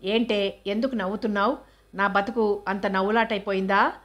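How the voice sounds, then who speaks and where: A woman reading the part of a proud, film-crazy mother who answers her daughters with sharp, indignant retorts. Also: medium pitch, steady tone, normal speed, natural voice.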